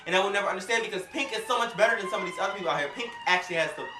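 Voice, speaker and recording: A woman casually reviewing an awards show in a sassy, animated, gossipy way, acting out quotes as she talks. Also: medium pitch, rapid-fire, recorded from a distance, loud music behind the voice. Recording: roomy, off-mic home recording.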